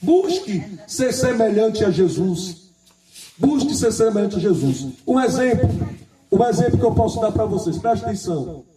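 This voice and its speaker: Male preacher, high voice, repetitive and emphatic, recorded roomy and from a distance. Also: very animated, mellow, slight background noise. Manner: repeats phrases, asks the congregation "Amém?"; reads scripture slowly and with emphasis. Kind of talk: sermon.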